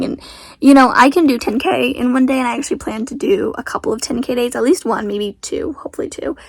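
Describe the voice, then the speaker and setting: Sleepy-voiced and stressed, a teen author chats in a casual vlog, poking fun at herself as she rambles. She speaks on the high side with a creaky quality, and the recording is dry.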